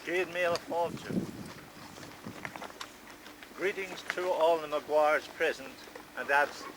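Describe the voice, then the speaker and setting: An older man gives a formal ceremonial speech outdoors in measured, declamatory short phrases. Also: on the high side. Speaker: clan chief at his inauguration. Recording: very noisy outdoor amateur recording.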